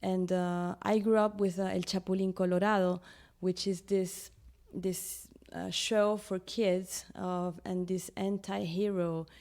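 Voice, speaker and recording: A woman's voice: lowish voice, level tone, unhurried, a little mellow. A woman from Peru, a film director, talking in an interview and searching for words as she explains her ideas. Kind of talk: casual interview talk.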